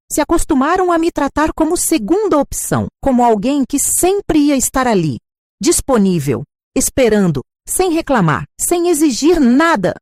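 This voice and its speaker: An older woman narrating her own story in a hurt, measured way. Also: fairly high pitch, darkish tone, no echo, studio quality. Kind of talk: scripted first-person narration.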